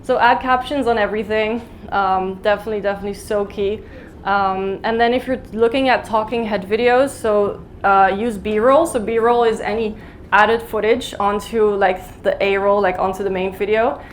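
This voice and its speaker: A woman giving a live conference talk, speaking fast and chatty with lots of "like" and "um" fillers. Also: mid-range voice, fairly even intonation, a little hiss or hum. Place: conference hall in Mumbai.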